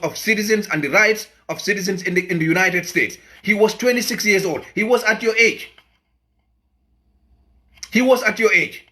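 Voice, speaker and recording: A man's voice: high voice, sharp tone. A man from the Gambia giving an impassioned political address as an activist, emphatic and repetitive, often stumbling over his words.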